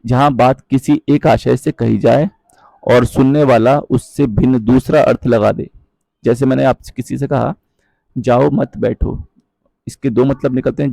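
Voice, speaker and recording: A man teaching a Hindi grammar lesson, explaining patiently, checking in with his viewers often and reciting verse lines slowly. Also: medium pitch, gravelly, warm tone, no room sound. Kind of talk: online exam-prep lesson.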